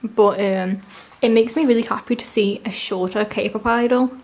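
A woman with a sore, swollen-tonsil voice from tonsillitis, chatting casually and gushing excitedly as she hosts an unboxing. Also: mid-range voice, normal speed. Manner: gushing, enthusiastic. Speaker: unboxing video host.

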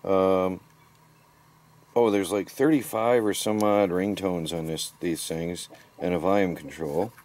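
Easygoing low-voiced man outdoors. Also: steady tone, a little slow, darkish tone. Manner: easygoing, rambling, chuckles to himself. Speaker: homesteading vlogger. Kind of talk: casual work-along narration. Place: outdoors on a rural property. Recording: faint outdoor background noise.

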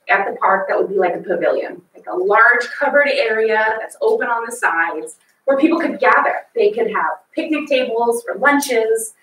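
A woman's voice: on the high side, fairly bright tone. A woman in her thirties, presenting a community park plan at a small town board meeting in a chatty, enthusiastic way. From Lebanon area, USA. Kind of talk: public comment presentation. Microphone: far room camera. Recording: echoey room from far off, noise.

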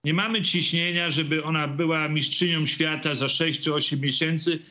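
A man's voice: on the high side, fairly even intonation, sharp tone. A middle-aged man, father of a young boxer, speaking hesitantly with many fillers on a video call from a room at home. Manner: hesitant, many drawn-out fillers, mixes in English phrases. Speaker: boxer's father and team member. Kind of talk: remote interview over video call.

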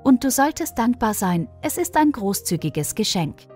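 A woman's voice: a little high, sing-song, normal speed, darkish tone, voice pushed up. A woman voicing a firm middle-aged mother who speaks matter-of-factly to her grown son, with faint music behind.

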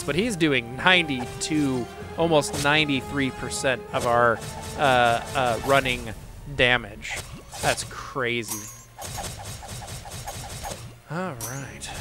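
A man giving casual, upbeat let's-play commentary, rambling and laughing easily as he plays. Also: medium pitch. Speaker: gameplay commentator. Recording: game music playing behind.

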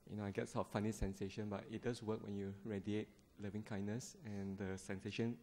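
Man from malaysia, mellow dark voice, easygoing dharma talk, handheld mic, lots of ums and uhs. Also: lowish voice, level tone, brisk. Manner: gentle, conversational, with frequent fillers and small laughs. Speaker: guest speaker at a Buddhist group. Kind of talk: Dharma talk to a seated audience. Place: temple hall, indoors, seated on the floor before a shrine. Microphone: handheld microphone.

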